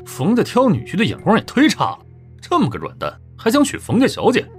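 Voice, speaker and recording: Guy doing a brash husky general's son, blunt, wildly animated, drama with music under it. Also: sits high, fairly quick. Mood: scornful. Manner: blunt, scornful. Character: brash, hot-blooded young general's son. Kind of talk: Chinese audiobook drama acting. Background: background music.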